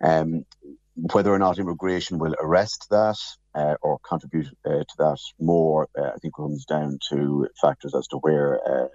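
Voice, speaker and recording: Guy on radio interview, really low husky voice, careful and hesitant, dull sound, alarm going off behind. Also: fairly even intonation, darkish tone. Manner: measured, hesitant, careful explaining. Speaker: interview guest. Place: office, on a remote link. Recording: muffled, echoey office, husky-sounding remote link. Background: alarm beeping.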